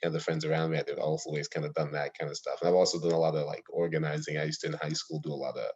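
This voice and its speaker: Young male guest from Ohio, very low voice, eager rambling storyteller, dull lo-fi call line. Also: level tone, rapid-fire, a little mellow, slightly rough. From Ohio, USA. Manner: eager storyteller, many fillers. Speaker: podcast guest. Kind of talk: casual interview chat.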